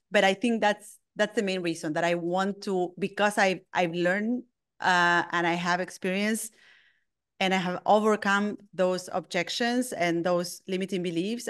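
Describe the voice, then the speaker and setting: A woman's voice: lowish voice, smooth. A middle-aged woman from Argentina with an Argentine Spanish accent, a native Spanish speaker, answering interview questions in a thoughtful way that restarts often. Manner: thoughtful, frequent restarts and ums. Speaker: guest, lettering artist.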